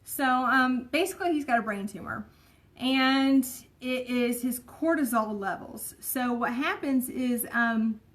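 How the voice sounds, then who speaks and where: A woman's voice: a little high, measured pace. A woman vlogger, chatting casually and rambling with many fillers and asides. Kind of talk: casual chat.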